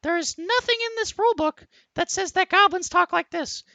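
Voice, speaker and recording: A man putting on a high, squeaky goblin voice that is shrill and nasal. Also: normal speed, vocal fry, bright, forceful tone, no room sound, heavily acted. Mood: mock-goblin. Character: squeaky high-pitched goblin voice, male, comic.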